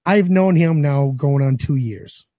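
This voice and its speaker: A man's voice: a little high, a little slow, warm tone, no echo, clean studio sound. A man in his forties co-hosting a casual talk show, joking and cursing bluntly, his voice still cracking after losing it. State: recovering voice, some cracking. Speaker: podcast co-host. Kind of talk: casual chat.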